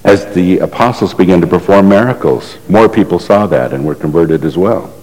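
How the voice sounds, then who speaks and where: Deep-voiced preacher in an echoey hall. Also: male voice, normal speed, a little mellow. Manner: conversational storytelling, rhetorical questions to the congregation. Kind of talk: sermon.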